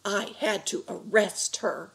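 A woman voicing a dry-humored female police officer in a read-aloud storybook, speaking deadpan. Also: medium pitch, slow, gravelly, husky, exaggerated voice.

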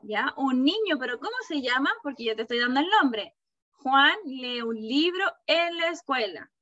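A woman teaching a kindergarten class over a video call, asking slow, patient questions and praising the children. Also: high-pitched, animated, sharp tone, no room sound. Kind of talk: online class with young children. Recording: dull, muffled video-call audio.

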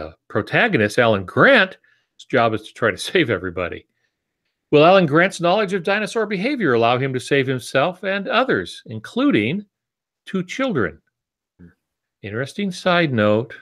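A man in his sixties from the US, who teaches writing and co-hosts a podcast, talks over wired earbuds on a video call from home. His voice is mid-range with a fairly bright tone, and his teaching is informal, with asides.

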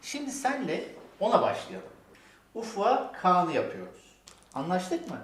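An older man with a high voice hosts a children's toy-making show as a grandfather, unhurriedly walking kids through crafts step by step with endearments and simple questions. His pitch swoops wildly, and there's a slight hiss or hum. The recording has a roomy echo with music playing behind him.

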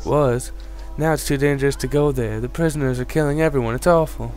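A man's voice: medium pitch, a little fast, darkish tone, soft background music, lightly acted. A man voicing a frightened, pleading townswoman in a video game with a put-on Southern belle accent, melodramatic in manner. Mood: distressed. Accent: put-on American Southern.

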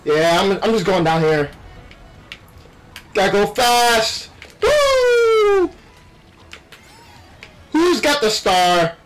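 A man giving animated, playful gameplay commentary with exclamations and trash talk, speaking with a retainer in his mouth. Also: high-pitched, takes it slowly, pauses often, over music. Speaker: gaming video host. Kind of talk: excited live gameplay commentary.

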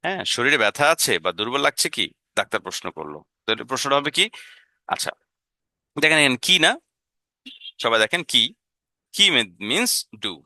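Lively, bright-voiced man teaching English. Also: medium pitch, normal speed, pauses often, no echo, clean studio sound. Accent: Bengali. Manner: explains step by step, often asks the listener to look. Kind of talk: spoken English lesson.

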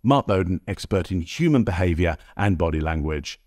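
A body language expert presents a direct-to-camera tutorial on a high-end studio microphone, addressing the viewer energetically and often checking in with "okay?" His voice is expressive and a little mellow, at normal speed, in a dry recording.

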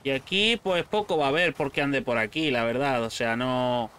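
A man with a Spain Spanish accent giving casual, excitable gameplay commentary, shouting at pets and swearing freely. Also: mid-range voice, normal speed, slight background noise. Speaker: gaming channel host.

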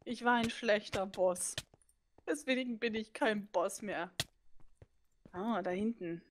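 A woman's voice: medium pitch, takes it slowly, a little hiss or hum. A woman co-hosting a let's play on a headset, playful and laughing, with dramatic cries for help. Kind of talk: casual gaming chat.

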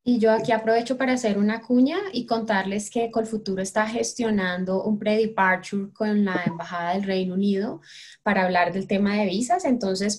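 A woman moderates an online question session, brisk and courteous. She calls on each participant in turn over a video call. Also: mid-range voice. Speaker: webinar moderator.

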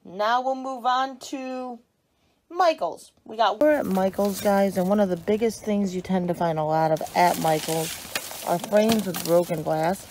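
A woman's voice: mid-range voice, unhurried, a little mellow, a little hiss or hum, low-quality recording. Chatty woman filming on her phone. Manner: chatty, upbeat, addresses viewers as guys. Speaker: dumpster diving vlogger. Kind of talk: casual vlog narration. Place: outdoors at store dumpsters and at home. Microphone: handheld phone camera.

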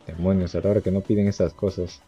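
A young man giving let's-play commentary, muttering to himself and breaking into high yelps and laughs. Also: little pitch movement, fast talker, warm tone. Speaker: gamer. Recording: dull lo-fi sound with game music.

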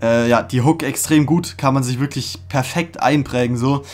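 A young man hosting a casual music reaction, talking in an excited, slangy way with many fillers and restarts, recorded in a small room. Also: mid-range voice, moderate pace. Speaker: reaction video host. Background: faint music playing.

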